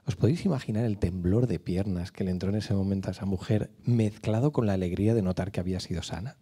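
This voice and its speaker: A man of about forty with a Madrid accent, a guest speaker at a church, addresses the congregation from a church hall with a small stage, holding a handheld microphone. His voice is low and dark with a breathy edge. He hesitates a lot, pausing often, using many fillers and restarting sentences.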